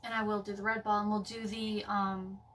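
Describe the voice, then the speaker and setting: A woman's voice: medium pitch, flat delivery, a little fast, fairly bright tone, far from the mic, slight background noise. A woman chatting through a casual craft tutorial at home, with lots of fillers and frequent "okay?" check-ins, saying she is losing her voice. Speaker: craft vlogger.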